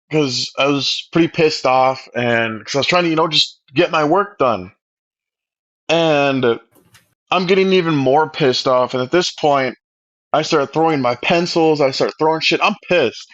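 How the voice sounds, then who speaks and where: A man's voice: fairly high pitch, fairly bright tone, lo-fi sound. A young man in casual chat, telling a story with lots of swearing and laughs.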